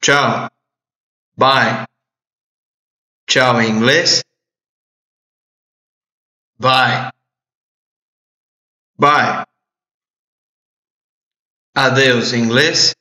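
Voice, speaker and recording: A man teaching English in a recorded audio lesson, repeating phrases slowly and clearly for learners to translate. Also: medium pitch, fairly even intonation, bright, forceful tone. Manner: slow, deliberate drilling with repeated phrases. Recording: echoey, dull lo-fi audio.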